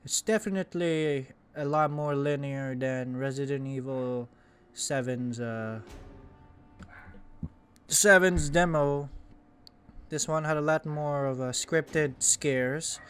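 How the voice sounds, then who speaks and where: A man playing a horror game in casual let's-play commentary, jumpy and excitable, laughing and swearing, with his voice going hoarse. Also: a little high, takes it slowly.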